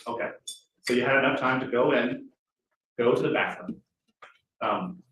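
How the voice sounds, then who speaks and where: A man's voice: mid-range voice, fairly even intonation, normal speed, a bit bright. A man cross-examines a witness on a courtroom recording. His questions come in a folksy, conversational way. He sits far from the mic in a heavily echoing room, with a faint hiss. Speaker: defense attorney. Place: large courtroom, indoors.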